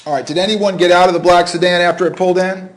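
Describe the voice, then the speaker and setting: A man's voice: high-pitched, steady tone, fast talker. A man questioning a witness as a prosecutor in a formal, methodical way, in a courtroom recording.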